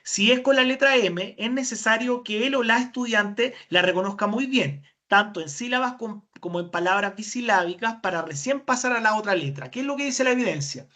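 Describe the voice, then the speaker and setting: A woman's voice: on the high side, a little fast, hardly any pauses, fairly bright tone. Chilean woman lecturing in a webinar. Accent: Chilean Spanish. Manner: explanatory, asks and answers her own questions. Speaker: speech therapist presenter.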